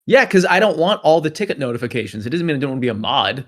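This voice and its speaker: A man's voice: on the high side, sing-song, very fast. A man moderating a casual chat, joking and playful.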